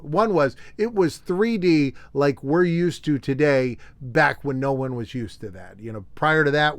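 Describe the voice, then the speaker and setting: A man's voice: medium pitch, dry recording. A man hosting an unscripted show-and-tell, rambling nostalgically with fillers and chuckles. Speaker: host.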